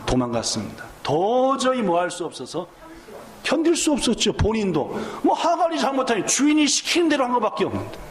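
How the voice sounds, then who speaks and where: A man's voice: high voice, wildly swooping pitch, fairly quick, roomy sound. A male pastor preaching a sermon, firing questions at the congregation and acting out the lines of the story. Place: church sanctuary.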